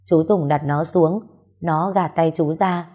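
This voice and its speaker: A woman's voice: deep voice, a little slow, dark tone, slightly rough. A woman reading a family drama aloud as a storyteller, giving the arguing characters raised, heated voices. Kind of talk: scripted story narration.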